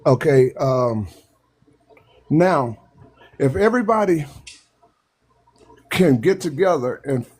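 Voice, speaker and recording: Speaking on a live panel, this man from Texas has a slightly high, animated voice with a darkish, husky tone. He drives his argument home emphatically, circling back with repetition and halting restarts.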